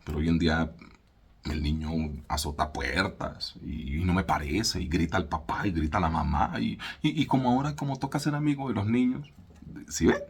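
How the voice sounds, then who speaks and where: A man with a Colombian accent giving a casual sermon teaching as a church leader, colloquial and laid-back, slowing down to stress his points. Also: low voice, expressive, breathy edge. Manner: laid-back, colloquial, mimics voices, slows for emphasis.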